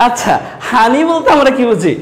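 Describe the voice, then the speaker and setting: A man's voice: extremely high pitch, sing-song, a little fast. A man from Sylhet teaching an online class, asking students repeated questions and addressing them directly. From Sylhet, Bangladesh. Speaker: Bengali teacher.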